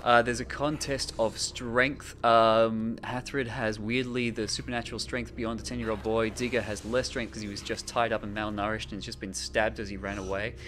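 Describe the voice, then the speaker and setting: Low-voiced man running a tabletop game. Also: level tone, fairly bright tone, a little hiss or hum. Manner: brisk, rule-checking narration. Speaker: game master.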